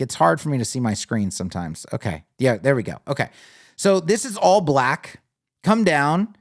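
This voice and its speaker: A man hosting a live web design critique, talking bluntly and thinking aloud as he scrolls through sites. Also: fairly high pitch. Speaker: web design show host. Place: home studio with lights on.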